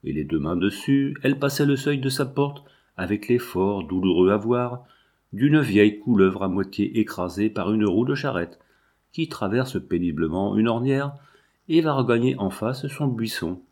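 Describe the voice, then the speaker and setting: A man with a low voice reads a classic novel aloud. His narration is measured and solemn. He gives the long literary sentences room. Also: expressive, darkish tone. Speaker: audiobook reader.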